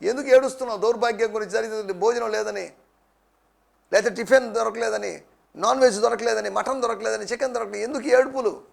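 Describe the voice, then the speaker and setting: A man's voice: high-pitched, steady tone, a little fast, gravelly. A male pastor preaching a sermon with emphatic repetition, slipping into English phrases now and then. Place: church TV program.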